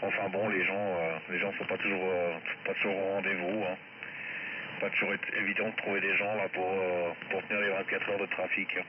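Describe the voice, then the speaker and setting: Heard over a muffled, static-filled shortwave link through a radio receiver, a deep-voiced man speaks a bit quickly and without much inflection. He's an amateur radio operator making casual conversation during a radio contact.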